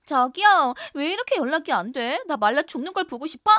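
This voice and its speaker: A pouty young mistress with a high, cutesy voice that swoops as she whines, as a woman puts her on. The recording is dry and close. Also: sing-song, a little fast, bright, forceful tone, no room sound, full character voice. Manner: pouty, aegyo-style whining. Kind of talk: voice drama.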